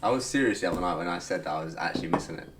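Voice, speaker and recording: Young man, very low voice, blunt and foul-mouthed co-host, opinionated. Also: very fast, a crowd in the background. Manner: blunt, swears constantly, opinionated. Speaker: podcast co-host. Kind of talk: casual chat.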